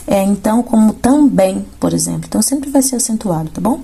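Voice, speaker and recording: A woman's voice: medium pitch, expressive, fairly quick, creaky, mellow, breathy edge. A woman teaching grammar for exam prep, explaining step by step and often checking in with her students. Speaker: Portuguese teacher. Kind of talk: exam-prep lesson going through questions.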